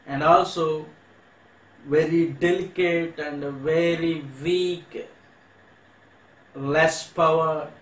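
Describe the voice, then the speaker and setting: A man with an Indian English accent preaching a sermon, earnestly repeating phrases and slowing down to stress key words. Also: a little high, fairly bright tone, echoey room, low-quality recording. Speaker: pastor. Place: church hall.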